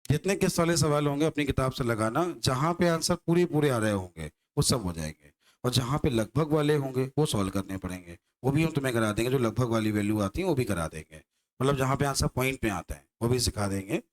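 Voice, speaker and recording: A man's voice: medium pitch, lively intonation, brisk. A male maths teacher lecturing a class, teasing his students and firing rhetorical questions at them.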